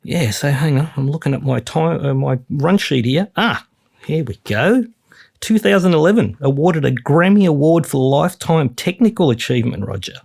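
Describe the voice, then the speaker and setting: A man's voice: on the high side, animated, normal speed, vocal fry, darkish tone, husky. A man hosting a podcast in a loose, enthusiastic, chatty way. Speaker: podcast host. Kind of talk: casual podcast chat.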